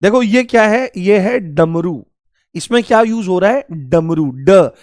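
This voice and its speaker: A man's voice: sits high, moderate pace, dry recording, clean studio sound. A man teaching a grammar lesson, asking questions and answering them himself, fondly calling his students "babu". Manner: calls listeners "babu" affectionately.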